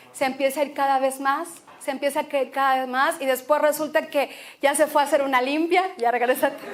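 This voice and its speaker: A woman pastor with a Mexican Spanish accent preaching a sermon, expressive and repeating phrases for emphasis. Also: sits high.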